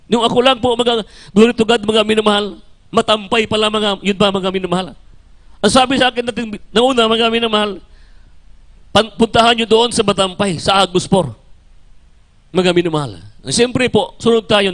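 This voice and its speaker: A man with a Filipino accent preaching a storytelling sermon, calling the congregation by a loving address in nearly every line. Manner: emphatic storytelling sermon, shifting between loud and low.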